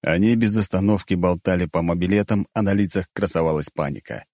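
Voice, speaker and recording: A man narrating a first-person audiobook in a steady, even reading. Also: deep voice, a little fast, no room sound, clean studio sound.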